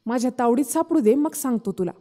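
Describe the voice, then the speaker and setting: A woman's voice: a little high, lively intonation, fast talker, mellow, faint music behind. A woman voicing an eager, impatient young village man chasing his sweetheart. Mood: eager pleading. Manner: pleading, impatient calling out.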